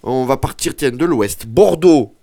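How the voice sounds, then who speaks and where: A man teaching an Occitan lesson, explaining words slowly with hesitant fillers. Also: medium pitch, expressive, mellow. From southern France. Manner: slow, hesitant, many fillers.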